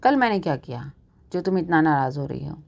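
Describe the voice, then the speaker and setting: A woman's voice: deep voice, sing-song, fairly quick, vocal fry, full character voice. A woman voicing a playful middle-aged male doctor who jokes his way through being scolded by his wife, in a told storybook. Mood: teasing. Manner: joking, easygoing.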